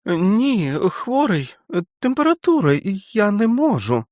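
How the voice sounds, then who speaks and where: A man's voice: sits high, wildly swooping pitch, slow, a little mellow, no room sound, clean studio sound, voice pushed up, heavily acted. A tearful feverish boy. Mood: feverish insistent. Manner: pleading, tearful. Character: feverish frightened teenage boy, whimpering like a small child.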